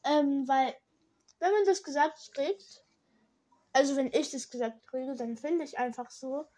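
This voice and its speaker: Speaking unhurriedly in a high, darkish voice, a young teenage girl runs a casual podcast by herself. Her rambling talk is full of slang and self-corrections, softened into a slight slur by braces.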